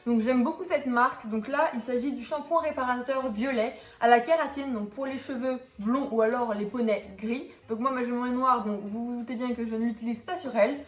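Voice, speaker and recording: A woman's voice: fairly high pitch, echoey room. A young woman chatting through a casual product review vlog, filling her talk with small hesitations and restarts. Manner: chatty, many fillers and restarts. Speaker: equestrian vlogger.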